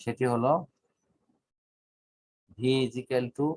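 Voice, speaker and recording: A middle-aged teacher explains physics slowly over a shared whiteboard, pitched at an ordinary male middle. He pauses often between short phrases and drops English terms into his speech. His delivery is plain and methodical. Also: little pitch movement, darkish tone. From Bangladesh. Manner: measured, halting delivery with long pauses, mixing in English terms. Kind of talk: online whiteboard lesson.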